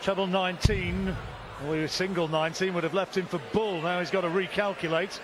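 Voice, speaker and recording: A man's voice: sits high, steady tone, fairly quick. A man giving live darts commentary in short, conversational phrases. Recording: clear crowd noise behind. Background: noisy darts arena.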